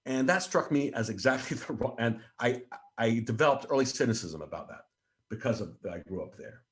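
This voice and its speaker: A man from Switzerland with an American accent, answering conference questions in an animated way, often restarting his words. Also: mid-range voice, brisk. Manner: animated, with frequent restarts and stammers. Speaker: presenting researcher.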